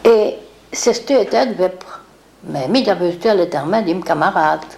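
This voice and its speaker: Older lady rambling through old memories, does the voices of people she quotes, dark gravelly voice. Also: on the low side, animated, normal speed. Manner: rambling, acts out quoted speech. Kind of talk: reminiscing oral history.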